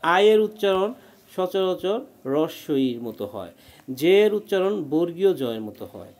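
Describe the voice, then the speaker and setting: A man's voice: high voice, animated, moderate pace, darkish tone. Patient man teaching spelling. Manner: patient, explains letter by letter and keeps checking "ঠিক আছে?". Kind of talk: spelling lesson in Bengali.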